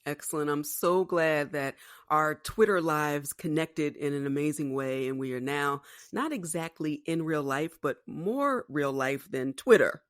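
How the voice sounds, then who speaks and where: A woman's voice: low-pitched, measured pace, hardly any pauses, no echo, clean studio sound. A woman hosting a podcast, reading an upbeat scripted intro and then chatting with her guest. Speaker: podcast host.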